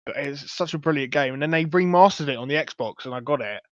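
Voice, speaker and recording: Young man, podcast host, enthusiastic chatter, slightly high voice, dry lo-fi recording. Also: quick pace, dry recording. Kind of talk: casual chat. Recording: dull, lo-fi dry sound.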